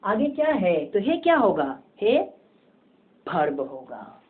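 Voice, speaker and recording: Taking it slowly but very animated, a mid-range-voiced woman teaches grammar at home, repetitively asking and then answering her own questions. The audio is tinny and phone-like, lo-fi.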